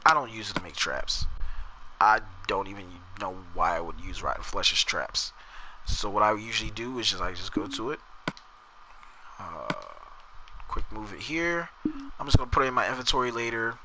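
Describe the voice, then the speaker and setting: A gamer streamer from New Jersey, with an accent to match, narrates his own gameplay and chats with viewers while playing, rambling casually and chattily. His voice is on the low side and moderately paced. Game music plays behind him over a noisy background.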